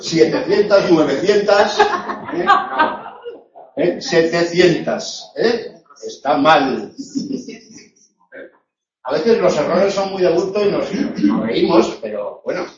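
Slow and full of pauses, a man with a fairly high voice swings widely in pitch as he teaches a live online Spanish grammar lesson. He peppers it with jokes and keeps asking "eh?" and "no?". The recording is echoey, distant and dull.

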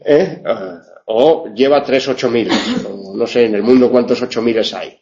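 A man's voice: medium pitch, normal speed, noisy background. A man teaching a class, explaining things step by step with many fillers and check-ins, and correcting himself as he goes. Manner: self-correcting. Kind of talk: classroom lecture on Spanish grammar. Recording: dull lo-fi classroom recording.

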